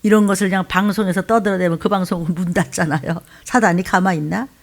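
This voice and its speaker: A woman pastor preaching an impassioned sermon in a church, swinging between loud cries and hushed asides. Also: fairly low pitch, steady tone, fast talker. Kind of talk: impassioned Friday night sermon.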